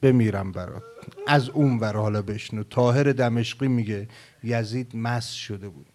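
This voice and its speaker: A man preaches a mourning sermon, his voice at an ordinary middle pitch. He tells a sacred story dramatically, repeating phrases in a tearful lament. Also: crowd noise.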